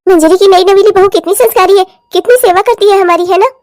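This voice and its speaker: A woman's voice: extremely high pitch, fast, darkish tone, dry recording, studio quality. A woman voicing a chatty, gushing middle-aged aunt visiting in a cartoon. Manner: gushing, talkative.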